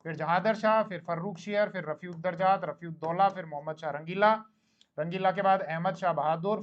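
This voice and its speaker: Heard through lo-fi sound, a man with a fairly high pitch gives a recorded classroom history lecture. He keeps it chatty and narrative, playing out dialogue and answering the very questions he asks.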